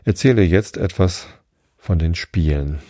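A man voicing a gruff, impatient griffin creature in a storybook reading, curt and bossy. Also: low-pitched, a little slow, warm tone, no echo, studio quality.

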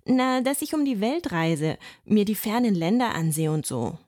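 A woman's voice: very animated, moderate pace, no room sound, studio quality, natural voice. A woman voicing a cheerful little male globetrotting mouse in a storybook reading, friendly and eager. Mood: chirpy. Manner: eager, friendly, high and bright.

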